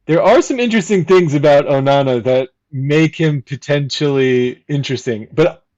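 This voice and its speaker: Measured fan guest on a lo-fi mic. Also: male voice, a little high, a little mellow. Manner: analytical, measured, talks in long explanations. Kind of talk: casual podcast chat.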